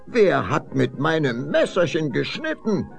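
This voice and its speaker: A man voicing seven kindly little dwarfs in a fairy-tale reading, in a lively, questioning tone. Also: fairly high pitch, unhurried, creaky, faint music behind, voice pushed up, heavily acted. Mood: puzzled. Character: seven small, fussy male dwarfs, kindly miners.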